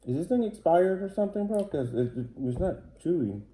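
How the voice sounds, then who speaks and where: A man's voice: sits high, expressive, a little fast, warm tone. A man chatting casually during a snack tasting, giving blunt, short replies. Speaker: family guest. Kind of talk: casual chat. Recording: echoey, noisy home video.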